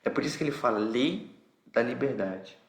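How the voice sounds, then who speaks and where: A man's voice: medium pitch, expressive, normal speed, roomy sound. A man with a Brazilian Portuguese accent preaching an expository sermon, explaining a scripture passage and often checking that listeners understand. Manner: explanatory, asks listeners "entendeu?".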